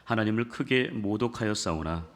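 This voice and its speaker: Man pastor, sermon, calm reading that builds into emphatic exhortation, asks the congregation questions. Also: lowish voice, fairly quick.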